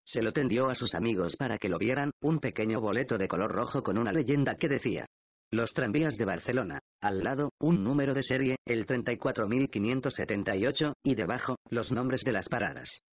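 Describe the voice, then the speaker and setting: A man reading a novel aloud as an audiobook narrator, in an even, measured way. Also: mid-range voice, no room sound. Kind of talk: scripted narration. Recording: dull, dry lo-fi audiobook recording.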